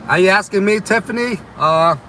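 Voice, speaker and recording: In a high, bright, forceful voice at a normal pace, a young delivery driver with a slight Vietnamese accent chats with his live stream audience. He reads viewer comments and talks about delivery driving in a loose, rambling way, filled with ums and uhs. There is slight hiss or hum.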